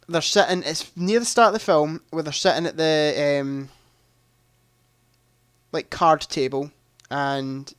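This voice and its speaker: A man's voice: fairly high pitch, clear, resonant tone, no room sound. A man hosting a live movie quiz stream, chatting casually, thinking aloud and making self-deprecating asides.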